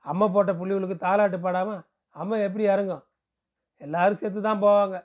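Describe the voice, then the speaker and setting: A man's voice: high-pitched, steady tone, a little fast, highs cut off, natural voice. A man reading aloud, voicing a homesick, stubborn young village woman who pleads and laments. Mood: lamenting.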